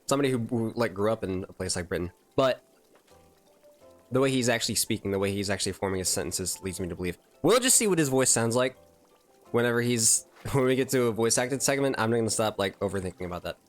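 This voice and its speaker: A man streaming a video game, talking casually and excitedly, swearing and saying bro. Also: lowish voice, fast talker, soft background music. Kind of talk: casual gaming commentary.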